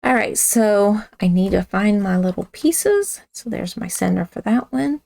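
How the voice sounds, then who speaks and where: Raspy woman demoing a craft, slow. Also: medium pitch, animated, a little mellow. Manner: chatty, talks while working with hands, self-correcting. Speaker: craft instructor. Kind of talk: casual craft tutorial.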